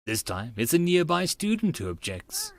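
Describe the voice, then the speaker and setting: A man with a fairly high voice and big swings in pitch reads at a moderate pace. His first-person narration of a visual novel is theatrical, audiobook-style, with dialogue and asides acted out.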